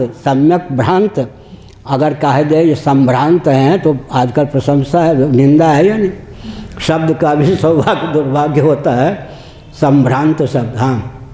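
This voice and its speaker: A man's voice: on the high side, warm tone. Older man teaching in an echoey hall. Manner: anecdotal, teasing, laughs while explaining. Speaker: spiritual teacher. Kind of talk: religious discourse.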